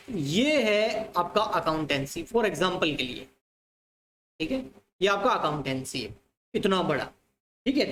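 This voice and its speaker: A man's voice: high voice, a bit bright, a little hiss or hum. A male teacher giving an online commerce lecture, repeating points and asking his students questions, calling them dear children. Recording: echoey room, faint ambience.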